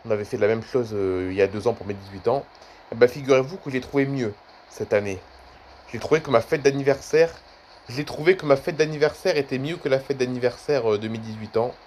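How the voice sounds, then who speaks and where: A man's voice: medium pitch, a little fast, darkish tone, slight background noise. A man in his twenties chatting casually in a vlog, rambling and repeating himself often. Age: 20s. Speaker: YouTuber.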